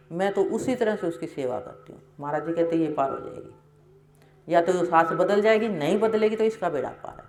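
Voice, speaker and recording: A woman's voice: fairly low pitch, a little mellow. A woman giving a devotional sermon, telling homely stories in an earnest, folksy way. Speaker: satsang preacher. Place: ashram hall. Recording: roomy hall echo.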